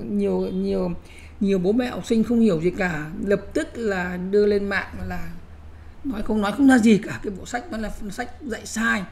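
A woman's voice: mid-range voice, a little mellow. A middle-aged woman giving a spoken lecture to teachers, emphatic and repetitive, often checking that listeners follow. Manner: emphatic, repeats words, frequent "nhé" asides.

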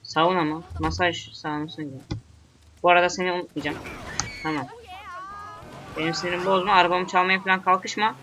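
Bright-voiced young man grumbling over gameplay. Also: sits high, fairly even intonation, brisk, pauses often, slight background noise. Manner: grumbling, swearing, talking back at the game. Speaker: gamer. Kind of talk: let's play commentary.

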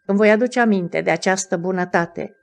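A woman's voice: mid-range voice, gravelly, natural voice. Woman reading young noblewoman, spirited, earnest, slightly defensive, audiobook dialogue.

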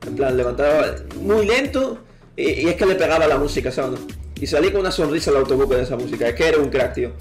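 Teasing Spanish gamer, music behind. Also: male voice, fairly high pitch, lively intonation, quick pace. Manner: teasing, mock-singing parodies. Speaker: gaming streamer. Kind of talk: casual gameplay chat.

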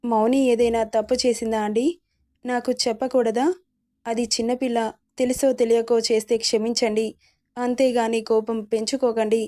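A woman's voice: fairly high pitch, level tone, moderate pace, dark tone, natural voice. A woman reading the part of an innocent young wife in a spoken story, asking anxious, pleading questions.

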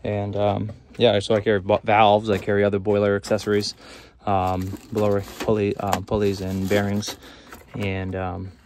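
A man with a low-pitched, gravelly voice walks through his service van, naming parts and tools one after another with plenty of "um"s. He talks in a loose, unscripted way. The audio is noisy, with a steady hiss behind him. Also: normal speed. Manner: rambling, list-like, many fillers. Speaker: self-employed HVAC technician. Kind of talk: casual van tour walkthrough. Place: inside a work van.

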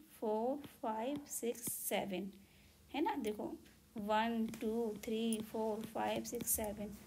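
A woman teacher giving a slow, patient counting lesson to young children. She counts objects aloud one by one and mixes English number words into her Hindi. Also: on the high side, gravelly, darkish tone, slight background noise.

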